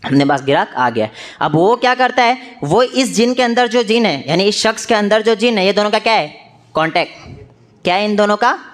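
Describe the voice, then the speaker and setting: A man's voice: sits high, animated, brisk. A man giving an Islamic talk, telling stories and acting out the voices of the people in them. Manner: storytelling, acts out quoted voices. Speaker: religious speaker.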